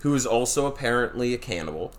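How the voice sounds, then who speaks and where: A man co-hosting a podcast talks in a loose, casual way and drops swear words without a second thought. His voice sits at an ordinary middle pitch. He sounds at ease in an unscripted chat. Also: animated, fast talker, over a noisy crowd. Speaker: podcast co-host.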